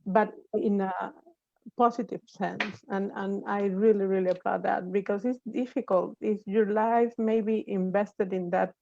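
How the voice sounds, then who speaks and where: A woman speaks in a halting, affirming way in a panel discussion. Her voice is mellow and mid-pitched. The sound is dry and a bit dull, like lo-fi call audio. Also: fairly even intonation, creaky, a little hiss or hum. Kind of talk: panel discussion on community issues.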